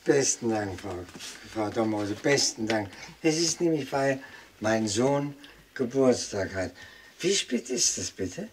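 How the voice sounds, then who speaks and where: Drunk older father, halting and slurred, in a 1970s TV crime drama, slightly distant mic. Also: medium pitch, very animated. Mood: confused, muddled. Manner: slurred, hesitant, repeating himself. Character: drunk, half-blind older father, confused. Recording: distant mic, faint hiss.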